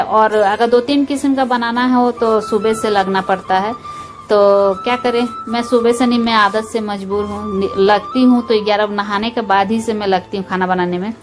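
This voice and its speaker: A woman, a mother, chatting homely and directly to her viewers as she walks them through cooking lunch at home. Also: on the high side. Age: adult, mother of school-age children. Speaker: home vlogger. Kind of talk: casual chat narrating a cooking routine. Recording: voice under loud background music.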